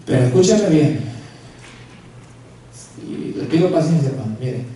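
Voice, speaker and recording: High-voiced pastor in an echoey church. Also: male voice, unhurried, a little hiss or hum. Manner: lively storytelling, acting out dialogue. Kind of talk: sermon. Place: church sanctuary. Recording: echoey church hall, mic at a distance.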